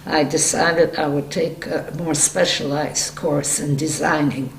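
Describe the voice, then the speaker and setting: A woman's voice: low-pitched, steady tone, measured pace, gravelly. An elderly woman recalling her youth in a plain, matter-of-fact way during an oral history interview. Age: 70s or older. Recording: echoey room with faint noise.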